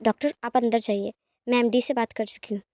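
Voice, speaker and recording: A woman voicing a brisk young personal secretary who reassures firmly and gives orders. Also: on the high side, steady tone, a little mellow, no room sound, studio quality, natural voice. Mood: reassuring. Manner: firm, reassuring, commanding.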